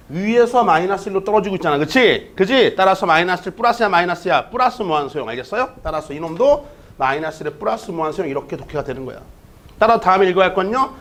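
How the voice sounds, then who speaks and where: A math teacher gives an online lecture in a fairly high male voice. He talks problems through step by step and keeps checking in with the listener. His delivery stays lively and engaged.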